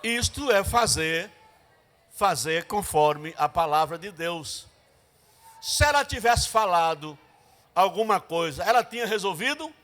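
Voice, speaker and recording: A man's voice: high voice, a little slow. A middle-aged pastor, preaching a sermon in a church and acting out the voices of the people in his stories. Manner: animated storytelling, acting out voices. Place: church service.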